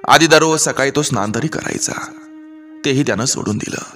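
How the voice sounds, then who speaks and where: A man reading a rural comic story aloud in a lively, expressive way. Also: mid-range voice, a little fast, faint music behind.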